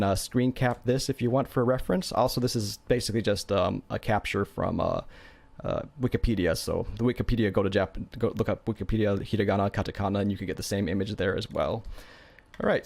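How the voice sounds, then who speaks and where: Man, lowish voice, casual online tutor; loose, unscripted delivery with fillers and restarts. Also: a little mellow. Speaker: language teacher. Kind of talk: screen-share language lesson.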